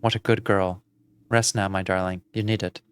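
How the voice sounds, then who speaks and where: A man voicing a sinister, soft-spoken aunt in a video game, speaking low and hushed like a lullaby. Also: normal speed, lightly acted.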